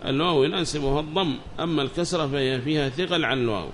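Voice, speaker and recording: A man's voice: fairly high pitch, rapid-fire, slight background noise. A man teaching a lesson on classical Arabic grammar. He reads a text aloud, explains it, and asks his students questions as he goes.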